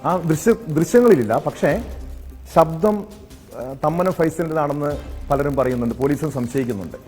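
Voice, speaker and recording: A man's voice: fairly high pitch, normal speed, darkish tone, soft background music. A man presenting TV news and questioning a guest in a formal, probing way. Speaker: news anchor.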